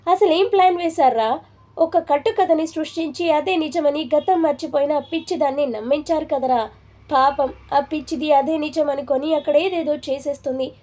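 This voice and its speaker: A fierce young woman yells threats and scolds a captive man, as a female storyteller puts her on. The voice sits high with a mellow, dark-toned warmth, raised in anger. It is a story read aloud. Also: normal speed, close to an everyday voice. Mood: furious scolding. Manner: shouting, scolding.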